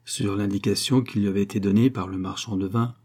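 Man reading a novel aloud, husky voice, calm and measured. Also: on the low side. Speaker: audiobook reader.

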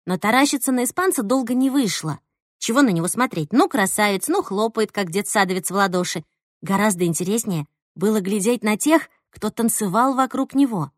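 A woman reading a first-person audiobook in an expressive, playful way. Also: mid-range voice, brisk, no room sound, studio quality. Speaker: audiobook narrator.

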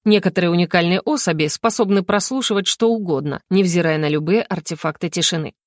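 A woman voicing a cold, stern male inquisitor who speaks slowly and measuredly, in an audiobook. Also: lowish voice, dry recording, clean studio sound, lightly acted. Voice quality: slow, measured, icy. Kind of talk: audiobook character voice.

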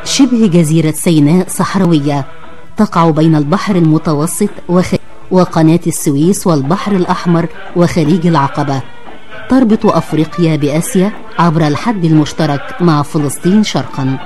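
An Egyptian woman reading a scripted radio documentary as a formal, measured narrator. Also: sits low, warm tone, soft background music.

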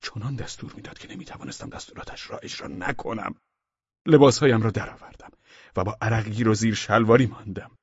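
A man narrating a humorous audiobook in a wry, expressive storytelling manner. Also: fairly low pitch, husky, no echo, dull audio.

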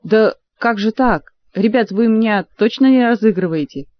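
Reader doing a frazzled young woman in an audiobook, yelping and lifted higher, dry dull sound. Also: moderate pace, no echo, lightly acted. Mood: exasperated. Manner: exclaiming, bewildered. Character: frantic young woman thrown into magic world.

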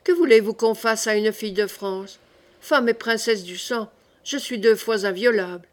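A woman's voice: a little high, moderate pace, natural voice. A woman reading the lines of an anxious, dignified young queen in an audiobook. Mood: urgent.

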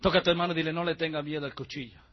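Male pastor, high breathy voice, dramatic sermon delivery, muffled church recording. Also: fairly even intonation, rapid-fire. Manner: dramatic preaching, swinging from hushed to shouted. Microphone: handheld mic.

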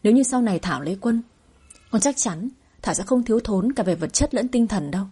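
A woman's voice: mid-range voice, animated, fast talker, mellow, husky. A woman storyteller voicing an earnest young adult son who pleads with his parents in a spoken audio story.

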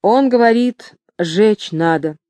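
A rash young nobleman who blurts out news in a hasty, chattering way, as a woman reader puts him on. His voice is mellow and dry. This is an audiobook of a historical novel. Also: medium pitch, expressive, slow, no room sound, pitched above the performer's own voice. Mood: eager.

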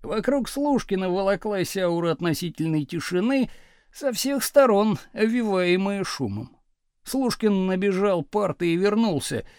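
An expressive male narrator reading a novel aloud with dramatic storytelling. His voice is high and very lively in pitch. It is recorded close and completely dry. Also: unhurried, clear, resonant tone, dry recording. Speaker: audiobook narrator.

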